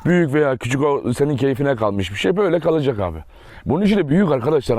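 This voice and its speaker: A man's voice: fairly high pitch, warm tone, no room sound. A young man chatting casually as he walks viewers around his dog farm outdoors, often cooing affectionately at his dogs. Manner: fast, affectionate baby talk to his dogs. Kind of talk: casual vlog walkthrough.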